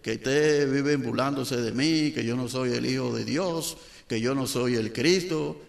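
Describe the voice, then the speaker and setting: A man's voice: mid-range voice, measured pace, gravelly, roomy sound. A man voicing a patient, solemn teacher figure in a joke, with a Dominican accent.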